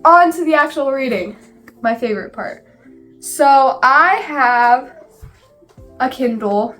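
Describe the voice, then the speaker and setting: A woman with a slightly high voice, congested from a cold, rambles cheerfully about her reading habits. She fills her sentences with "like" and speaks casually from her small home library. Faint music plays underneath. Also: animated, slow pace, fairly bright tone. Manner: chatty, lots of "like" fillers. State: sick and stuffed up. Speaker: book vlogger. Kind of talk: casual vlog chat.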